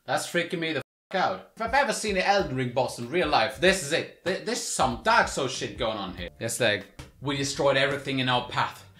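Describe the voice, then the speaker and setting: Man mocking outfits, lively exclaiming voice. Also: fairly high pitch, roomy sound. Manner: mocking, exclaiming, rhetorical questions. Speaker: YouTuber reacting to fashion looks. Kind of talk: comedic reaction commentary.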